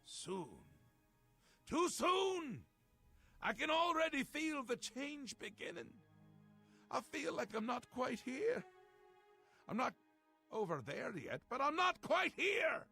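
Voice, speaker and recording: Mad theatrical game god, creaky bright voice, mercurial, gleeful then menacing. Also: male voice, heavily acted. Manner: flamboyant, swinging from gleeful cries to low menace. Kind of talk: fantasy game character acting.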